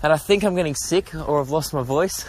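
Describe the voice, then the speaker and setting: An Australian podcast host chats while walking along suburban roads near traffic, out of breath and rambling, joking, and poking fun at himself. His voice is a little high and fairly quick, with slight background noise.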